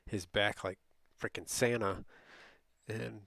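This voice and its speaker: A man's voice: fairly low pitch, steady tone, takes it slowly, creaky, a bit bright, dry recording. A middle-aged man telling a rambling, casual late-night story as a streamer, often laughing and quoting people.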